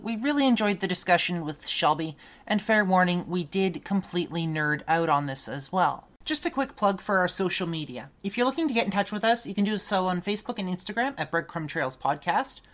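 A woman's voice: on the low side, fairly bright tone. A woman hosting a podcast, introducing the episode in a friendly, chatty way and asking her guest questions. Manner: friendly, chatty, reads plugs and warnings. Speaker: podcast host. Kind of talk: casual podcast intro and interview.

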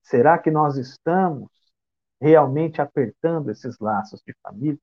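A man's voice: a little high, measured pace, lo-fi sound. A Brazilian man giving a spiritist lecture, reflective, asking rhetorical questions. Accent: Brazilian Portuguese. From São Paulo state, Brazil. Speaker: spiritist speaker.

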